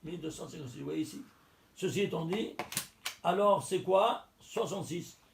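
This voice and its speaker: High-voiced man teaching a religious lesson. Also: normal speed, creaky, a little hiss or hum. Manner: explains step by step, asks and answers his own questions; counts out letters and numbers aloud.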